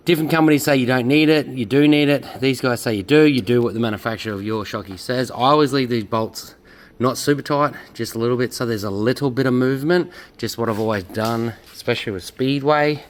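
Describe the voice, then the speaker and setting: Australian bloke, casual garage vlog, rambling and profane, faint hum of the workshop behind him. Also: male voice, mid-range voice, fairly bright tone, poor audio. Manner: rambling and profane, laid-back storytelling. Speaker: car builder and drift driver.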